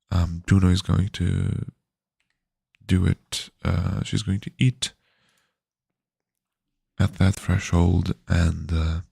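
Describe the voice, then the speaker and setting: A man's voice: low-pitched, vocal fry, darkish tone, husky, dry recording, clean studio sound. A man streaming his game development work, talking casually and sleepily with many fillers and restarts. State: yawny. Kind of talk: casual live-stream devlog.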